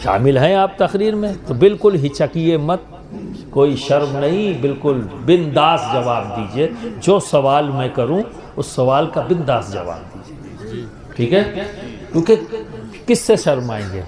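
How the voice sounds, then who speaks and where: A man's voice: fairly high pitch, big pitch swings. A man preaching a sermon to a large gathering, asking questions and pushing the audience to answer aloud. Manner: rhetorical, coaxes the crowd to answer aloud. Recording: echoey venue with loud crowd.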